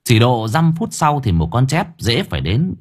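A man narrating an audiobook story in a lively, earthy storytelling manner, with a husky voice. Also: medium pitch, moderate pace.

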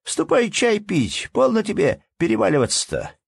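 A man voicing a nagging wife who calls out in a shrill, drawn-out way, reading a storybook. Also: huge pitch swings, gravelly, husky, no echo, studio quality, full character voice.

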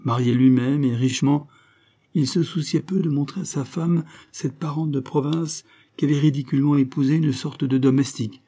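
Mellow male audiobook narrator. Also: medium pitch, fairly even intonation, moderate pace. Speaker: audiobook reader. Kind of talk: scripted narration.

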